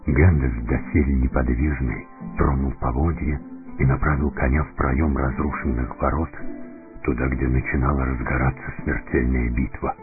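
A man narrating a fantasy story in deliberate, dramatic scripted audiobook style. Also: extremely low pitch, steady tone. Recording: narrow phone-like sound, faint music.

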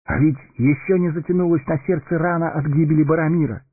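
A man's voice: medium pitch, animated, moderate pace, breathy edge, dry recording, voice pushed up. A man voicing a noble, brave male warrior heir with a solemn, dignified manner. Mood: grave. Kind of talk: audiobook character voice. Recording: tinny narrow-band recording, faint music.

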